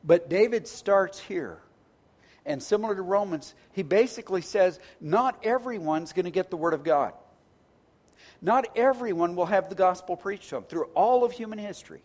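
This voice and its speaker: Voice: medium pitch, lively intonation, moderate pace, darkish tone. A pastor preaching a sermon in a conversational, earnest way, often restarting words and stacking phrases into lists.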